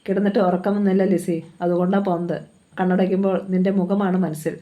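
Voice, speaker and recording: A woman reading the lines of a scheming male killer who coaxes a woman with low, persuasive talk. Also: level tone, fast talker, highs cut off, close to an everyday voice. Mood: coaxing. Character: scheming smooth-talking male killer seducer.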